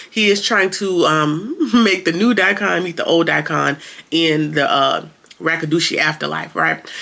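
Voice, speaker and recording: Guy a bit under the weather doing a slangy show recap, bright crackly voice. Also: a little high, gravelly. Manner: informal slangy retelling, acts out characters' lines. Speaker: host of a series review show. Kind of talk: casual episode recap and commentary.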